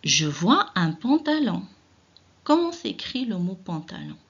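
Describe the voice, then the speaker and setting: A woman teacher giving an early reading lesson, speaking directly to children, encouraging them and sounding out syllables slowly and deliberately. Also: medium pitch, sing-song, a bit bright, breathy edge, lo-fi sound. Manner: slow, drawn-out syllable-by-syllable reading. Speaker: primary school teacher.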